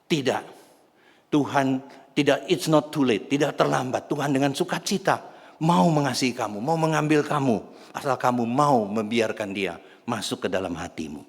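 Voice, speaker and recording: A man voicing a gentle teenage girl who speaks softly and earnestly to a stranger. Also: a little high, expressive, a little fast, in a large hall, pitched above the performer's own voice, lightly acted. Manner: soft, pleading.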